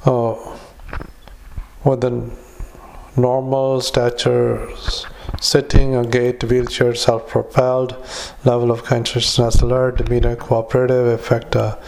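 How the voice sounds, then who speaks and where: A doctor dictating notes into a dictaphone recording in a halting, flat manner, with many filler pauses, spelling words out and saying punctuation aloud. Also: male voice, medium pitch, creaky, slight background noise, low-quality recording. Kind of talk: medical dictation.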